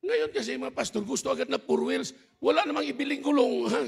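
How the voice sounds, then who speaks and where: A middle-aged man preaching a storytelling sermon at a church graduation service, animated and laughing, shouting for emphasis. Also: very high voice, brisk, vocal fry, husky. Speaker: pastor.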